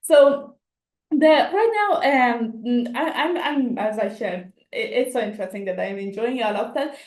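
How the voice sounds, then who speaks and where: A woman's voice: a little high, expressive, moderate pace, darkish tone. A young woman from Afghanistan, co-hosting a student podcast in casual talk, earnest and often restarting her sentences. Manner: earnest, restarts often, laughs between phrases. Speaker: student co-host. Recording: echoey room.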